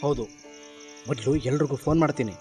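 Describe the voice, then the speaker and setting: An actor playing an obliging auto-rickshaw driver in a radio drama, reassuring and quick to help. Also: male voice, medium pitch, a little mellow, soft background music, close to an everyday voice. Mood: helpful. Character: obliging young auto driver, calm helper.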